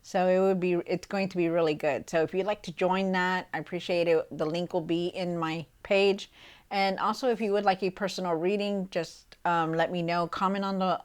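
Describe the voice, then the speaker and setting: A woman's voice: on the low side, clean tone. A woman tarot reader talking casually to her viewers, with lots of fillers and asides. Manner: chatty, many fillers and asides.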